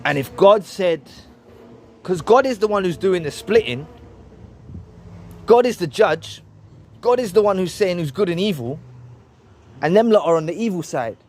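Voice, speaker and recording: A man's voice: high voice, animated, normal speed, pauses often, slight background noise. A man giving a heated, preachy commentary monologue. He repeats his phrases and ends his points with "right?". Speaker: vlogger responding to another video.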